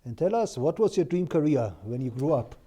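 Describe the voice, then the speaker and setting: A man's voice: fairly high pitch, big pitch swings, fairly quick, warm tone, husky. A male interviewer asking polite, courteous questions.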